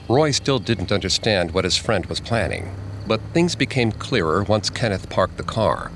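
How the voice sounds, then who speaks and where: A man narrating a scripted true-crime story in a steady, grave manner. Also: on the low side, moderate pace, a little hiss or hum. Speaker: podcast narrator.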